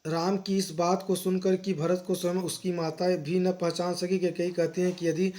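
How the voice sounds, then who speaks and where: A male teacher works through a school poetry lesson. His voice sits fairly high and moves very little in pitch. He reads the verses slowly, then explains each one in a brisk classroom manner. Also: level tone, warm tone, a little hiss or hum.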